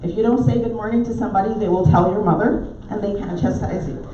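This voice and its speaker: At a club meeting in a pub dining room, the guest speaker is a middle-aged Barbadian naturopathic doctor whose accent has been softened by years living in the US. Her voice sits at medium pitch as she tells warm stories with filler ums. The room recording is echoey, dull and distant, with a little hiss or hum.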